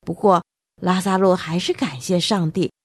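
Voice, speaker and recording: A woman narrating a Bible story for children, animated and speaking directly to the young listeners. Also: on the low side, moderate pace, breathy edge, dry recording, studio quality.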